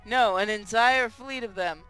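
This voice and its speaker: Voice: mid-range voice, a little slow, bright, forceful tone, smooth, faint music behind, rough recording. A man voicing a boastful, gleeful young female pirate captain, reading a visual novel with theatrical, triumphant declaiming. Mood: gloating. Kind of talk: hobby visual novel read-aloud.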